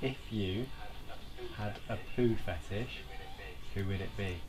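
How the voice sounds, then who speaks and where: A man's voice: fairly low pitch, slow pace, music in the background, poor audio. A young man playing a party guessing game, whispering phrases and laughing with friends.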